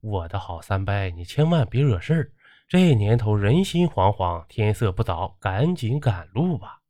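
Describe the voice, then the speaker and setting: A man's voice: lowish voice, big pitch swings, moderate pace, warm tone, dry recording. A man voicing a timid young male ferryman who talks in an anxious, pleading way.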